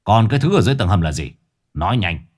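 A gruff, impatient old exorcist, voiced by a male narrator barks short orders. His talk is curt and bossy. It suits a spoken ghost story. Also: big pitch swings, fast talker, a little mellow. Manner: curt, bossy, low growl.

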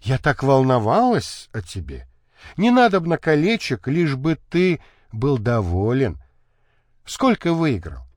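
A man's voice: medium pitch, sing-song, slow, no room sound, studio quality. A man reading an audiobook, voicing a sly young noble wife who talks sweetly and coaxingly. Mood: affectionate.

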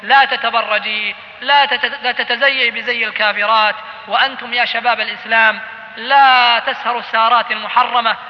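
A man's voice: very high voice, flat delivery, a little fast. A man preaching a sermon, admonishing and telling cautionary stories with passion. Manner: impassioned, admonishing storytelling. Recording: lo-fi recording in a reverberant hall.

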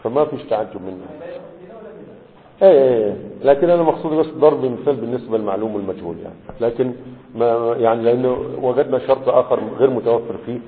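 A man's voice: mid-range voice, rapid-fire. A man teaching morphology in a lecture, often asking rhetorical questions and checking that the students follow. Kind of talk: explanatory lecture. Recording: tinny phone-like audio with long hall reverb.

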